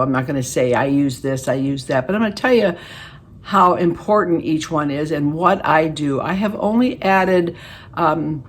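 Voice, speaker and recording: A woman's voice: low-pitched, slight background noise. Chatty, folksy woman in her late seventies. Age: 70s. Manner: chatty and folksy, with laughs and self-deprecating jokes. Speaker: beauty vlogger. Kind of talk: casual chat to camera. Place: her living room.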